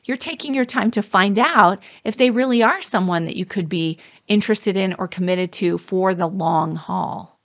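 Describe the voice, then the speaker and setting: A woman dating coach talking through a podcast monologue, giving earnest, steady advice to listeners. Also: medium pitch, moderate pace, creaky. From United States.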